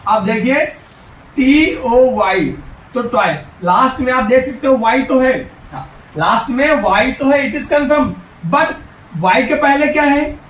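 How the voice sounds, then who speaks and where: Speaking a little slowly in an extremely high, a bit bright voice, a man leads a classroom-style English grammar lesson. He coaxes and encourages the kids, talks to them directly, and drills them by answering his own questions. His voice comes from a distance in an echoey room.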